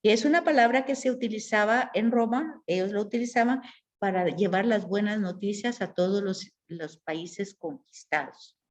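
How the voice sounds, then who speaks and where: A woman's voice: medium pitch, moderate pace. Woman Bible teacher, explanatory lecture tone with rhetorical questions to the class.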